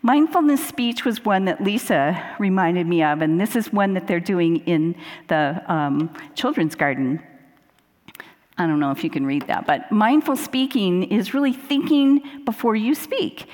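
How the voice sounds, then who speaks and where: A woman leading a mindfulness talk, easygoing and conversational, often pausing to correct herself mid-phrase. Her mid-range voice carries a long reverb, as if she is speaking in a large hall. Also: medium pitch, animated, darkish tone. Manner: conversational, thinks aloud with fillers and self-corrections. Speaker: leader of a mindfulness talk series. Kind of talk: casual spiritual talk to a group.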